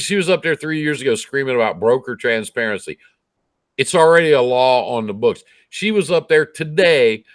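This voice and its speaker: A man's voice: medium pitch, dry recording, studio quality. A man co-hosting casual trucker talk in a blunt, sarcastic way, swearing freely.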